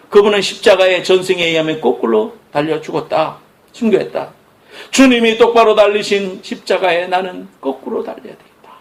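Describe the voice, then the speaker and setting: Male pastor, middle-aged, lively preaching, somewhat high voice. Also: creaky. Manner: animated preaching, drops low and soft when voicing God and Jesus. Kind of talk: sermon.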